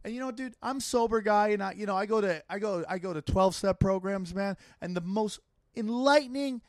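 A man talking as a comedian guest on a casual podcast, swearing a lot and speaking in excited, emphatic bursts. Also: high voice, fairly quick, no echo, clean studio sound. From Armenian and Italian heritage. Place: home studio man cave.

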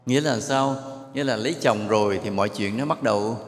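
A man's voice: fairly low pitch, brisk, soft background music. A man, a monk giving a sermon to a live audience, telling stories and putting questions to the crowd. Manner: storytelling, asks the audience questions and jokes with them. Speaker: monk giving a dharma talk. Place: large hall with an audience. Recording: echoey hall with long reverb.

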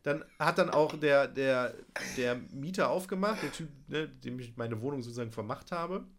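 This podcast co-host has a mid-range voice and speaks at normal speed. He's spinning a casual story, playing out his reactions with lots of energy and frequent laughs.

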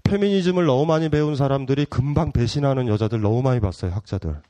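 A man's voice: mid-range voice, fast talker, warm tone, no room sound. A middle-aged man giving a public philosophy lecture, playful and provocative, often laughing and teasing his audience.

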